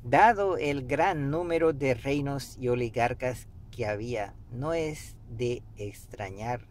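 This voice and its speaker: A middle-aged man reads aloud at a very slow, deliberate pace, stopping often to restart words and add fillers. His voice sits at an ordinary pitch. He is recorded on a dashboard camera inside a parked car, with a faint hiss behind him. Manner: hesitant, many restarts and fillers. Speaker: reader and meditation teacher. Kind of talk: slow halting book reading with commentary.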